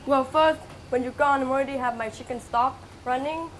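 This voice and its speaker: High-voiced woman chef. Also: steady tone, brisk, a little hiss or hum. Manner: simple non-native English, upbeat explaining. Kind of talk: casual cooking-show chat.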